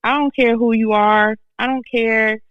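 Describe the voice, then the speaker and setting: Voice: medium pitch, flat delivery, moderate pace, dry recording, dull audio. A podcast co-host talking bluntly and emphatically, repeating points for effect in casual chat.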